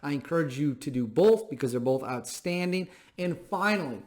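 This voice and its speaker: Slightly high and animated, this man's voice moves at a normal speed. He's a thirty-year-old show host giving an opinion commentary to camera, blunt and emphatic, with phrases repeated for emphasis.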